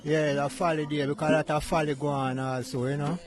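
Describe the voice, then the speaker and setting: A man's voice: fairly high pitch, flat delivery, a little fast, over music. A Jamaican man talking in Rasta speech with Patois-inflected English, reflecting philosophically in a casual interview. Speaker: interviewee, musician.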